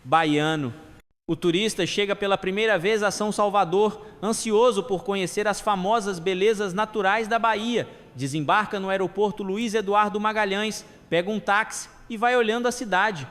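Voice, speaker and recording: A man reading jokes and sayings aloud in an even delivery. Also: high-pitched, normal speed. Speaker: joke teller. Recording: long hall reverb.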